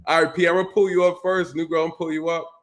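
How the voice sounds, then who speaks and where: A man's voice: on the high side, little pitch movement, rapid-fire. A man hosting a casual call-in show, speaking emphatically and repeating his points. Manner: emphatic, repetitive preaching cadence. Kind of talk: casual live-stream talk.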